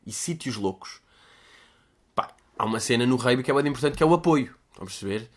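A man's voice: mid-range voice, expressive, quick pace. Rambling young man with a Portuguese accent. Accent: European Portuguese. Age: 20s. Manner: rambling, slangy, jokey, bursts into loud shouted bits. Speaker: podcast host. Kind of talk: casual solo monologue.

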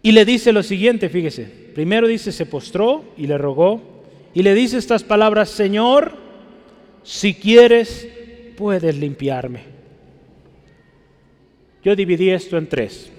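A man's voice: high-pitched, animated, normal speed, darkish tone, big-room sound. A man preaching a sermon, emphatic and pleading, often asking his listeners to look closely and agree. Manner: emphatic, pleading, repeats 'fíjese' and '¿verdad?'.

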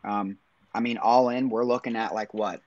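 A man on a livestream talking through practical advice in a relaxed conversational way, often saying "I mean". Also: fairly low pitch, normal speed, no room sound, muffled recording. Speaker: guest sharing business advice. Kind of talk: casual chat.

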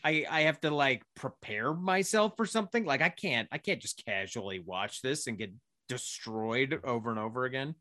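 A man chatting casually about movies, enthusiastic and quick to poke fun at himself. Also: medium pitch, animated, sharp tone, no echo, clean studio sound.

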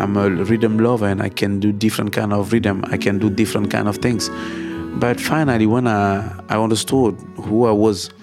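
A man from Cameroon speaks in a fairly low register, thinking aloud with frequent restarts as he talks about his work as a musician. Music plays clearly behind him. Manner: reflective, with halting restarts. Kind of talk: interview answers.

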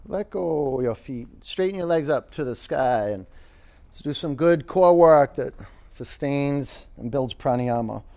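A man with a mid-pitched voice leads a vinyasa yoga class at a very unhurried pace. He gives short, plain commands and calls out rep counts as an instructor would. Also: lively intonation, warm tone.

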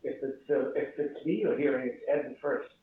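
A man's voice: mid-range voice, normal speed. A man calling in to a show on a speakerphone, sounding far away and stumbling over his words as he repeats them. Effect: distant speakerphone sound. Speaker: caller. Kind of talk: casual call-in chat. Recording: echoey tinny phone line, faint hiss.

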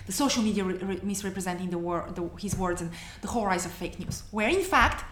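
This activist from Bulgaria, a woman in her 30s, speaks fast with a medium pitch, lively intonation and a fairly bright tone while answering interview questions as a guest. Her delivery is earnest and passionate, full of restarted phrases and "you know." Faint noise sits under the echoey room sound.

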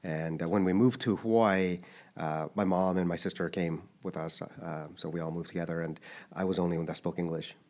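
A man in his thirties, raised in Japan, is the guest in a casual interview, answering thoughtfully and hesitantly with many restarts. His voice sits low and steady in tone, a bit quick and slightly mellow.

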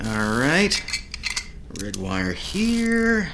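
A man's voice: a little high, huge pitch swings, extremely slow, noisy background, full character voice. A man voicing a grumpy veteran tech repairman with a sarcastic, mocking manner.

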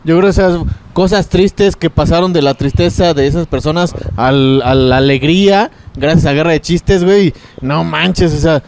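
A Mexican man with a somewhat high voice co-hosts a casual chat, easygoing and swearing lightly. There's a faint hiss under his voice. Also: moderate pace, few pauses, a little mellow. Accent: Mexican Spanish. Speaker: co-host.

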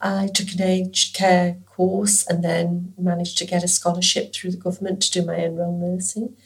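A woman, a former nurse speaking softly and hesitantly in an interview. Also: fairly low pitch, level tone, normal speed. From England. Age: 60s. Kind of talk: conversational interview.

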